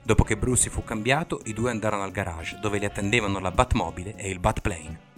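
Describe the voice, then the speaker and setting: A man narrates a short story in a measured, steady manner. His voice is on the low side. A faint bed of music plays behind him. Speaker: reader. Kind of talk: story reading.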